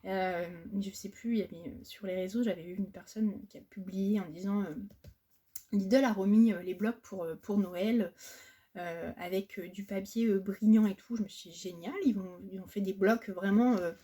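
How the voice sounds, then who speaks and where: A woman's voice: mid-range voice, fairly even intonation, moderate pace, mellow, slightly rough. A woman from France chatting casually in a crafting haul, hesitant and full of fillers and restarts. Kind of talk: casual chat.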